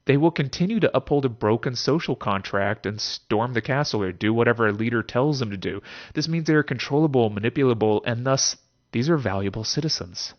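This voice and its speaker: A man hosting a philosophy talk series gives an explanatory monologue in a conversational style, his mid-range voice animated and brisk. He adds theatrical emphasis and rhetorical questions to check in with listeners. Music plays underneath, and the recording sounds dull and lo-fi.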